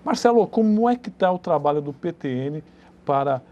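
A middle-aged man hosts a TV interview show, talking with guests in a small studio in a conversational, rambling manner. His voice is a little high, dark in tone, and expressive at normal speed, and the recording sounds muffled.

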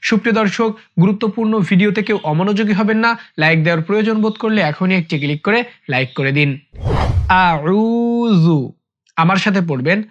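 A man with a Bangladeshi Bengali accent teaching Quran pronunciation, patiently repeating each word slowly and chanting the Arabic lines for learners to follow. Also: sits high, lo-fi sound. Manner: patient, drawn-out repetition with sung Arabic recitation. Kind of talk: slow recitation lesson, repeating words for learners.

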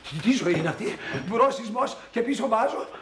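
An actor playing a pompous, germ-fearing middle-aged professor who talks in a formal, fussy, stammering way. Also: male voice, very high voice, expressive, background noise.

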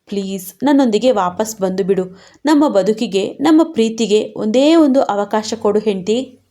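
A woman's voice: mid-range voice, moderate pace, mellow, natural voice. A woman voicing a remorseful young husband who tenderly begs his wife to come back. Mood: pleading. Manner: tender, coaxing.

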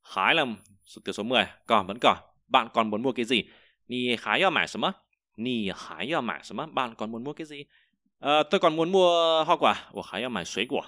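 A man's voice: medium pitch, expressive, bright, forceful tone, dry recording, studio quality. Man teaching word by word. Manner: explains word by word, repeats example sentences slowly; frequent hesitations. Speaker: Chinese teacher. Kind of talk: vocabulary lesson.

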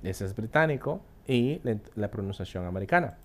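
A man teaching an English vocabulary lesson in Spanish, explaining step by step, checking in with the viewer often and reading English words and definitions slowly. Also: on the low side, lively intonation. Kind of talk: screen-share vocabulary lesson.

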